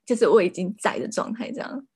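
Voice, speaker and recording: Husky-voiced woman podcast host. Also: medium pitch, lively intonation, fast talker, darkish tone. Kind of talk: casual chat.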